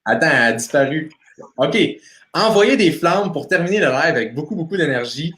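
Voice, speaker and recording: This time the Québécois live stream host's voice is fairly high and fairly bright, moving briskly and with animation. He keeps things casual with plenty of fillers and restarts, recorded in an echoey room.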